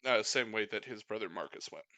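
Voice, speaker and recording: A man narrating a tabletop game as game master, relaxed and hesitant with many fillers. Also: lowish voice, fairly quick, dry recording.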